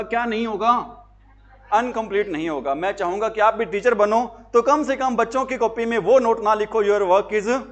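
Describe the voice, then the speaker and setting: High-voiced man teaching grammar. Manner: asks pupils questions and answers them himself; repetitive, emphatic teaching. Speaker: English teacher for job exams. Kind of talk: classroom lecture.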